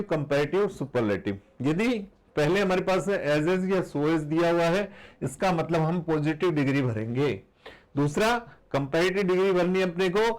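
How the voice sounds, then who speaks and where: Male grammar teacher, fairly high voice, patient and repetitive, quizzes students rhetorically. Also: poor audio. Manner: patient, repeats rules and asks rhetorical questions. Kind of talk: classroom grammar lesson.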